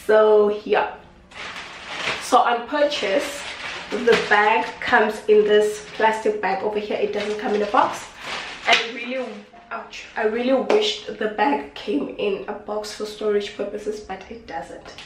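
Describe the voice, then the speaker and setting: Congested and far from the mic, a young female beauty vlogger from South Africa chats affectionately to camera while unboxing, often repeating herself. She speaks slowly at a medium pitch in a small echoey kitchen, with background noise.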